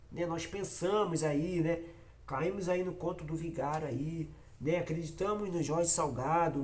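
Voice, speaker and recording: A football fan channel host from Rio de Janeiro, Brazil, speaks Carioca-accented Brazilian Portuguese straight to his viewers in a casual vlog. His voice is on the high side and a little mellow, but a cold makes it nasal. He's repetitive and emphatic, hammering each point home.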